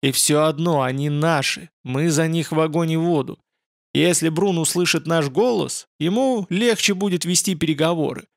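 A man voicing a loud, fiery male crowd leader who rouses the mob. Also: fairly high pitch, normal speed, creaky, no room sound, studio quality. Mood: rousing. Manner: shouting, fiery.

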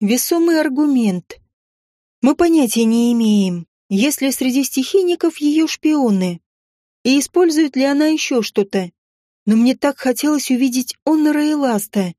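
Mellow-voiced woman narrating an audiobook. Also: sits high, animated, moderate pace, no echo, studio quality. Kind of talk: first-person audiobook narration.

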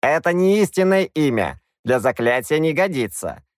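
A man's voice: fairly high pitch, big pitch swings, normal speed, no echo, studio quality, voice pushed up. A man voicing a hesitant, fussy old court wizard. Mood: eager.

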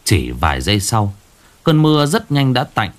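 A man's voice: on the low side, huge pitch swings, normal speed. A man narrating a ghost story dramatically.

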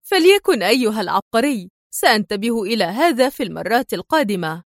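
A woman voicing a nervy, sharp-tongued young woman agent who sounds tense and snappish. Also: mid-range voice, expressive, fairly quick, vocal fry, dry recording, clean studio sound.

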